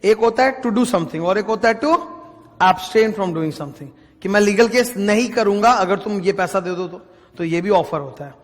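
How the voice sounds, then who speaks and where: A man, teaching a class. He dictates definitions slowly and keeps checking that students understand. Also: high voice, big-room sound. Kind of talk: lecture.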